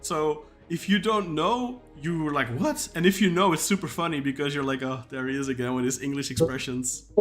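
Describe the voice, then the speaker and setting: A man's voice: on the high side, normal speed, soft background music. A man from Belgium, a Dutch speaker talking in English as a podcast co-host and football writer, rambling and repeating words as he goes. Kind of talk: casual podcast chat.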